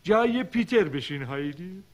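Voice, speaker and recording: A man's voice: high-pitched, lively intonation. A man voicing a kind but firm village schoolteacher in a cartoon dub. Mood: kindly. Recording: hissy old TV dub.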